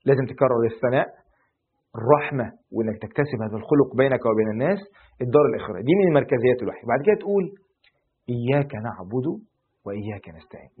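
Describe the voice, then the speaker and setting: Fast-talking Egyptian man, impassioned. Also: mid-range voice, husky. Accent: Egyptian Arabic. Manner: impassioned, rhetorical questions, rising emphasis. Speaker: Quran commentator. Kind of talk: religious lecture. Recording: narrow phone-like sound.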